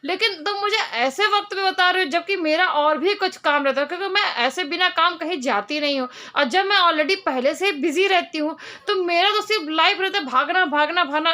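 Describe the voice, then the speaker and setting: Bright high-voiced indignant woman. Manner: indignant, complaining storyteller. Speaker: vlogger. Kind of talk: casual monologue to camera.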